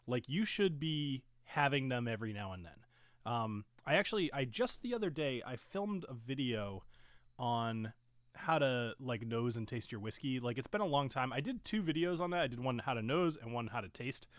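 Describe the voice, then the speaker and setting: A man's voice: mid-range voice, lively intonation, normal speed, no room sound, studio quality. A man hosting a casual live-stream whiskey tasting, rambling with fillers and self-corrections and sometimes talking with his mouth full. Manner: talks while chewing and sipping.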